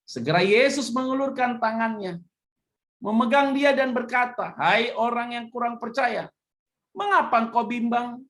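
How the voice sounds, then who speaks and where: A woman pastor, preaching a sermon that swings from hushed to loud emphasis. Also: on the high side, measured pace.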